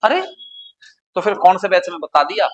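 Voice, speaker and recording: High-voiced teacher joking with his class. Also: moderate pace, low-quality recording. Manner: teasing, addresses students by name, mixes Hindi and English. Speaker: English grammar teacher. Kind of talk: classroom lecture.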